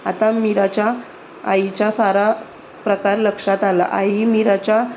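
Female narrator for a children's story, steady and unvaried, muffled low-fi recording. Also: a little slow. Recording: dull lo-fi recording with faint noise.

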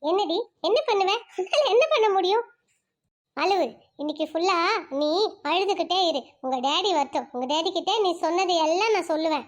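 A schoolteacher, played by a woman in a puppet-show cartoon, speaking in a high, soft voice. She coaxes her class gently and turns firm when she scolds. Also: normal speed. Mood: scolding. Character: patient scolding female schoolteacher. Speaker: teacher.

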